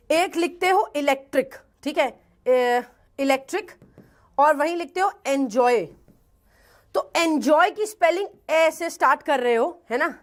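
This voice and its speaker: A young woman teaching an English class. Her voice sits high, and she keeps pulling the listeners in with questions. The delivery is lively and conversational. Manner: lively, quizzing students with rhetorical questions. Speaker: English teacher for bank exams. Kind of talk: classroom lecture.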